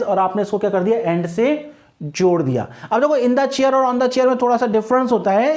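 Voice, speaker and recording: A man teaching an English grammar lesson, asking questions and answering them himself, and slowing down on English example phrases. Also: sits high, darkish tone.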